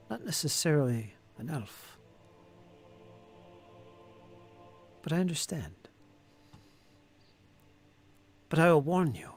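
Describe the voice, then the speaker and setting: A man voicing a wary, mystical elf druid in a tabletop game, solemn and dramatic, dropping into breathy whispers. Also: on the high side. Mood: solemn warning.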